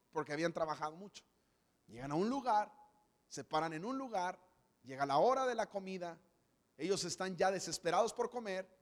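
A man with a Mexican Spanish accent preaching a comedic sermon, animatedly acting out the story. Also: high-pitched. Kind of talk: comedic sermon with acted scenes. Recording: long hall reverb.

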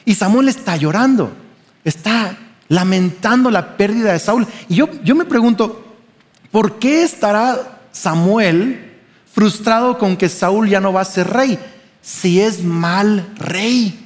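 Male pastor, Mexican Spanish accent, high voice, conversational sermon with questions, long reverb. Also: lively intonation, slow pace. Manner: conversational, asks the congregation questions.

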